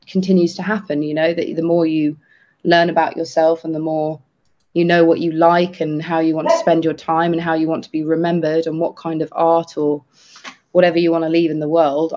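A man co-hosting a podcast, talking earnestly and haltingly with many restarts. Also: a little high, darkish tone. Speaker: podcast co-host. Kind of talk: casual podcast chat. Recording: dull lo-fi sound.

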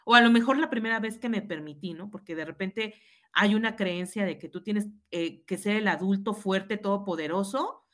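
At normal speed, a medium-pitched, slightly bright female voice belongs to a high school teacher with a Mexican Spanish accent. Recounting a personal story in conversation, she's earnest, reenacts dialogue, and often adds a questioning "right?"

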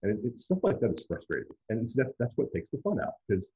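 A man's voice: mid-range voice, very animated, fast, a little mellow, dull audio. A man co-hosting a casual podcast, sarcastic and swearing, laughing often.

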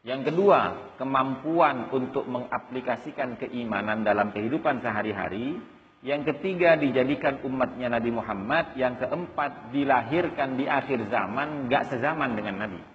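A man's voice: mid-range voice, normal speed, slight background noise. A man giving a conversational sermon as an Islamic preacher, often addressing listeners as Pak. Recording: dull audio with long hall reverb.

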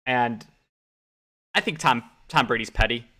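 Bright-voiced man talking football bets. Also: mid-range voice, measured pace. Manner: animated, acts out quotes in raised voice. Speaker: podcast co-host. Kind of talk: casual sports betting chat.

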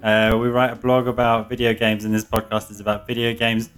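A man's voice: medium pitch, completely flat delivery, fairly quick, fairly bright tone, soft background music. A man with an English accent co-hosting a podcast, teasing his friend dryly and laughing often. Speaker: podcast co-host. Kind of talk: casual chat.

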